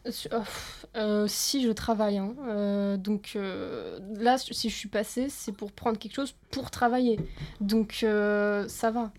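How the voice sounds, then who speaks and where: A woman's voice: medium pitch, fairly even intonation, measured pace, a little mellow, close to an everyday voice. A woman playing a lazy, cheeky secretary in an improvised comedy scene, offhand and defensive. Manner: offhand, defensive, filler-heavy. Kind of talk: improvised comedy role-play.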